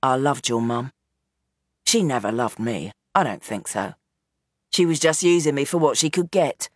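A woman voices an aging crime boss in a storybook, going low and heavy, calm and unrepentant, his deep voice far below her narrator's and sounding tired and settled. The husky, heavily acted delivery moves at a moderate pace. The recording is dry and close with no echo, and the mood is resigned.

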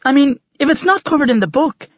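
A man's voice: lively intonation, dry recording, dull audio. A man voicing a nervous teenage schoolboy with a twangy, fussy voice in an audiobook. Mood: anxious. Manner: nervous, quick and high. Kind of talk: audiobook character voice.

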